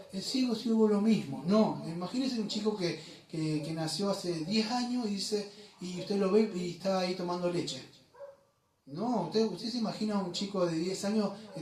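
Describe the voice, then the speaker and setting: A man's voice: sits high, darkish tone. A man preaching a sermon as pastor, emphatic and full of rhetorical questions. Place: church sanctuary. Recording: echoey church room from far off.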